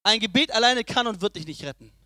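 Young male preacher, very high voice, lively swings from loud to hushed, dry close sound. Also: fast, no echo. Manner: lively, swings between loud emphasis and soft low asides. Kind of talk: sermon.

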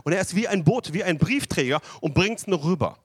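A man preaching a sermon to a congregation, animated and asking them questions. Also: high-pitched, a little fast, slightly rough, dry recording, clean studio sound. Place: church hall with audience.

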